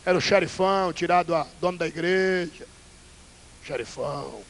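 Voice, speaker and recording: A male Pentecostal pastor, preaching a fiery, theatrical sermon that swings between loud bursts and hushed asides. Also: a little high, moderate pace, creaky, low-quality recording. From Brazil.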